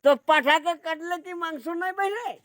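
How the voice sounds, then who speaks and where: A woman's voice: very high voice, normal speed, fairly bright tone, no echo. A woman performing a rambling comic monologue. She drifts into half-sung lines and repeats dramatic pleas.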